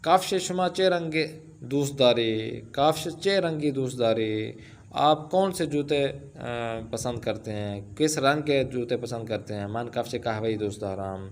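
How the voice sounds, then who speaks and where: A man teaching Persian in an online lesson. He reads Persian sentences aloud and then explains them slowly, with many filler sounds. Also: mid-range voice, a little hiss or hum.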